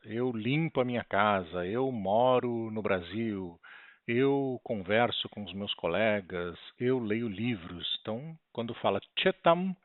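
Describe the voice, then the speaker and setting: Male Brazilian Portuguese language teacher, patient, deliberate delivery; dry, phone-like audio. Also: lowish voice, no echo. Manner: slow, explanatory, spells out words carefully. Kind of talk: recorded online lesson. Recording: tinny, lo-fi and dry.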